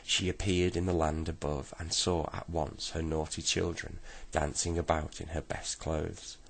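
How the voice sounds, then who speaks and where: A man reading a children's bedtime story aloud in a gentle, steady way. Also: very deep voice, unhurried, vocal fry.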